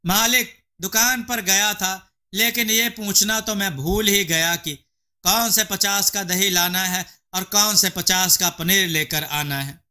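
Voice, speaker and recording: A naive, literal-minded servant answers his master with earnest innocence, as a man puts him on. The voice is high and bright, with a slow delivery. It is a comic storybook fool. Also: fairly even intonation, clear, resonant tone, heavily acted.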